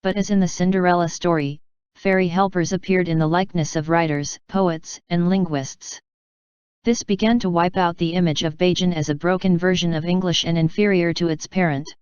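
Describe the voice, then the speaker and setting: A woman reading scripted educational narration in a measured, formal, explanatory way. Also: lowish voice, steady tone, a little mellow, smooth, dry recording, lo-fi sound.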